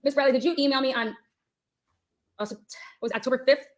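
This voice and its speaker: A woman's voice: sits high, fairly even intonation, a little hiss or hum, poor audio. A woman representing herself in court, firing off repeated questions at a witness. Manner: rapid-fire, repetitive questions.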